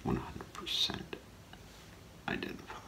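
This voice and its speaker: A middle-aged man whispers through an ASMR role play as a gemologist, sounding hesitant, halting, and softly reassuring. He's in a small indoor room with a curtain.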